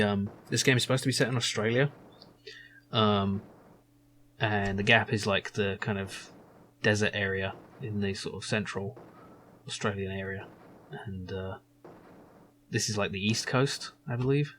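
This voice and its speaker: Chatty and amused, this man hosts a casual game playthrough, laughing often, using lots of fillers, and voicing the hero's lines. His voice is on the low side with a fairly bright tone, and there's slight background noise.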